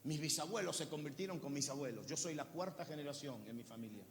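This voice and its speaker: A fast-talking pastor in his fifties preaches to his congregation in a large church hall, throwing questions at them and shifting between loud bursts and low, quiet tones. The recording carries church hall reverb and faint noise.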